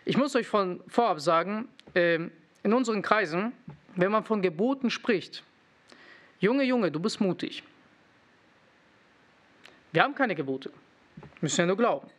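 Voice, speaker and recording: High-voiced man preaching with teasing irony. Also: normal speed. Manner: lively, questioning the congregation with teasing irony. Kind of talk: sermon.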